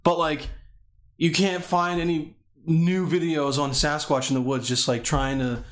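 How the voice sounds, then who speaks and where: A man's voice: on the high side, little pitch movement, measured pace. A young man hosting a casual podcast, rambling and swearing as he jokes. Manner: profane, rambling, joking. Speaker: podcast host. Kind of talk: casual chat.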